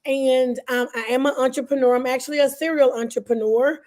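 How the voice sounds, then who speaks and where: A woman from the with a slightly hoarse, scratchy voice, a guest answering interview questions conversationally over a video call. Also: sits high, steady tone, fairly quick, a little mellow. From Southern US, Alabama and Georgia. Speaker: guest, entrepreneur.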